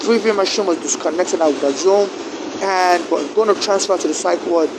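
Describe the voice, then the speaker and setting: This Nigerian man, who speaks English as a second language with a Nigerian accent, recounts something personal in a stop-start way, restarting and repeating himself. His voice sits high, with noise behind him.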